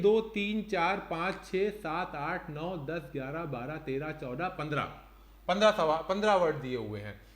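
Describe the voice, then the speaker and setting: A man's voice: sits high, fairly bright tone, roomy sound. A man teaching an online exam-prep reasoning lecture, explaining step by step and counting aloud.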